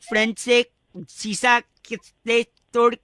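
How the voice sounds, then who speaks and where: A man's voice: very high voice, completely flat delivery, slow pace, clean tone, no room sound, clean studio sound. A man making a prank phone call, feigning that the call is dropping out by clipping his words into fragments. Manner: quiet, broken-off half phrases.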